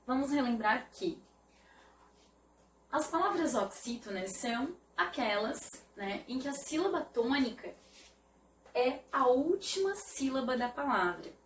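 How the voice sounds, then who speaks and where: A woman teacher giving an online video lesson, explaining slowly and carefully and often checking in with "né?". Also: a little high, fairly bright tone, a little hiss or hum. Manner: slow, careful explanation with repeated "né?". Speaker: Portuguese teacher. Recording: echoey room, voice from a distance.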